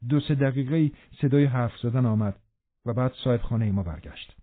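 A man reading a novel aloud as a narrator, in a steady, measured way. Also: medium pitch, no echo. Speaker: audiobook narrator. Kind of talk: scripted narration. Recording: narrow phone-like band.

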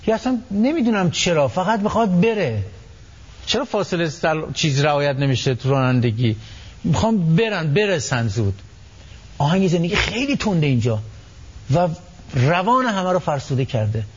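A man guest on a radio talk show, explaining his ideas in an animated way, often acting out what people say. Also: fairly high pitch, highs cut off, a little hiss or hum. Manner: animated storytelling, acts out quotes. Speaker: psychology expert guest.

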